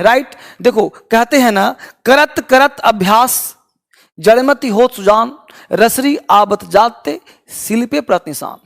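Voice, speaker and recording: A man's voice: very high-pitched, gravelly, a bit bright. A young man teaching spoken English who drills each word form by repeating it aloud, switching between Hindi and English as he explains. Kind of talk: energetic classroom teaching.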